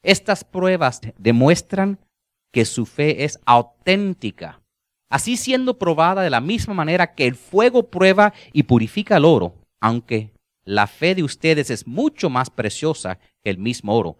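A male preacher, a Spanish speaker, with a somewhat high and very lively voice that drops to quiet, low endings and then climbs to loud, emphatic lines. The recording is dry and close, with no room echo. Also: unhurried. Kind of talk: sermon.

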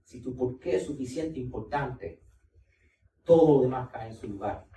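A man preaches a sermon with a mellow, darker tone, pressing his points and repeating them to the congregation. He sounds a bit off from the mic, and the room gives back a clear echo with faint noise behind him. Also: mid-range voice, moderate pace, distant mic. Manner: emphatic, repeats key points, talks directly to the congregation. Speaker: pastor.

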